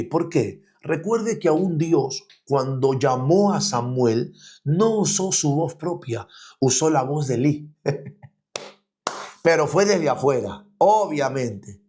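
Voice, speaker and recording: A man's voice: mid-range voice, darkish tone. Male preacher teaching online, keeps asking the audience questions, pushy and emphatic. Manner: emphatic, repeats "escúchame bien". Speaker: apostle and preacher.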